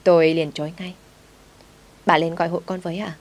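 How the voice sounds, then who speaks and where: A woman reading a family drama story aloud, speaking every character in the same steady narrating voice. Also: fairly low pitch, a little fast.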